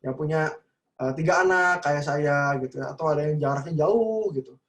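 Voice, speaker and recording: Chatty middle-aged man with a higher voice. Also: moderate pace, a bit bright, echoey room. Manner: chatty, frequently tags sentences with "gitu ya" and acts out quoted voices. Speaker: child psychologist giving a seminar talk. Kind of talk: casual online seminar talk to parents. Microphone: video call.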